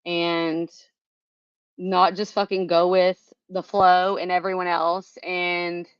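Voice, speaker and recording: Her voice on the low side, a woman vlogs casually and with frustration, swearing frequently and rambling with plenty of "like" fillers. There's no echo, but the high frequencies are cut off.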